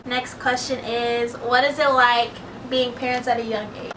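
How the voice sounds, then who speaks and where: With a distant mic and steady background noise, a twenty-year-old vlog co-host answers questions in a relaxed Q&A chat. Her voice is on the high side at a normal speed, and she says "um" a lot.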